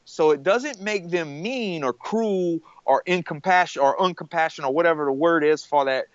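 A man talks at length in relaxed conversation, often doubling back and restarting his sentences. His voice sits a bit higher than most men's. The recording is dry and slightly muffled. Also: moderate pace, no room sound. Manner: rambling, many restarts and fillers. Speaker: podcast guest. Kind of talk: casual conversation.

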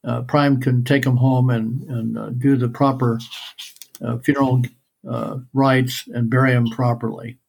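A man's voice: medium pitch, little pitch movement, vocal fry, a little mellow, slightly rough. A man in a casual discussion who reads passages of an ancient epic aloud, hesitating often between phrases. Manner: halting, many fillers, reads quoted verse slowly. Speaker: guest discussing an epic poem. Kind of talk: reading passages aloud within casual conversation.

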